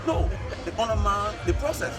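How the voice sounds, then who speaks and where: A man speaking in a political interview, with rapid, repetitive phrasing. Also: sits high, animated. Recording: loud crowd and music outdoors.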